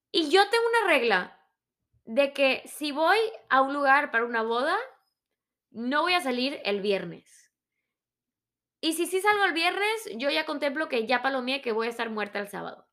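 A woman around thirty with a Mexican Spanish accent, telling stories in a casual, animated, self-mocking monologue. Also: sits high. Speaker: vlogger.

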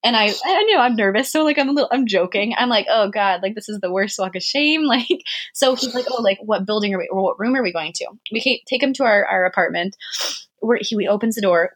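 A woman telling a story in casual chat, animated and laughing often, with many fillers. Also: medium pitch, quick pace.

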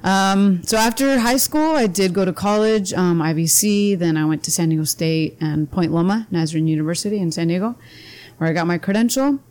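A woman's voice: lowish voice, a little fast, a little mellow. Woman in her forties, telling her story. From Southern California, raised partly in Spain. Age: 40s. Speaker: guest, athletic director. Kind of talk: interview answers.

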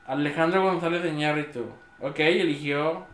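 A man's voice: on the high side, steady tone, normal speed, a bit bright. Man, hesitant podcast co-host, echoey room. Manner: hesitant, many fillers and false starts. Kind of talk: casual chat.

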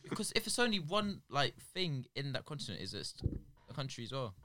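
A young man talks fast with a lively, swinging pitch. He fires questions and argues back in casual podcast chat with friends. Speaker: podcast co-host.

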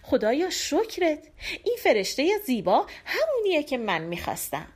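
A woman's voice: sits high, very animated, voice pushed up. A woman voicing a curious young prince who talks to himself in a storybook folk tale. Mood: eager. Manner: musing aloud, earnest.

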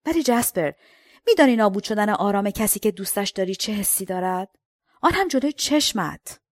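A woman's voice: mid-range voice, dry recording. A woman reading a novel aloud in first person, with a dry, sardonic storytelling manner into a close mic. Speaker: audiobook reader.

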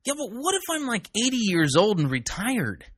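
A man's voice: high voice, wildly swooping pitch, moderate pace, fairly bright tone, husky, no echo, studio quality. A man hosting a talk show, critiquing a recorded sermon in a mocking, exasperated tone. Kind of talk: sarcastic commentary.

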